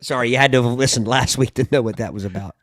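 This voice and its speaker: A man's voice: mid-range voice, fast talker, fairly bright tone, slight background noise. A man co-hosting a podcast in casual chat, joking with playful wordplay. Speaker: podcast co-host.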